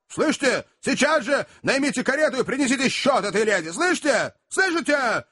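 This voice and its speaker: A man doing a blustering angry old gentleman. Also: high voice, sing-song, moderate pace, pitched above the performer's own voice, heavily acted. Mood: furious. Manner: shouting, scolding, commanding. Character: irate elderly country gentleman, blustering and bossy. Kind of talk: audiobook character voice.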